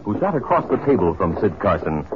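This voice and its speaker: A man with an American accent narrates a scripted 1950s western radio drama in a low-pitched, sing-song voice at a slightly fast clip. The old radio recording is muffled and noisy.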